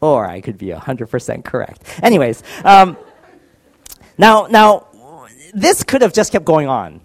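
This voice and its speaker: Man, fairly high voice, candid and self-deprecating, telling a personal faith testimony. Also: big pitch swings, measured pace. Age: adult, married.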